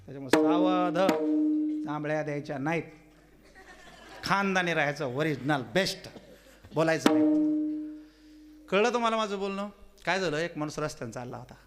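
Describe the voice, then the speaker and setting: Animated kirtan preacher, man. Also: fairly high pitch, fairly quick, pauses often, over music. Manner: animated, swings between loud exclamations and quiet asides; teasing, asks the audience questions. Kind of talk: devotional kirtan sermon with humorous stories.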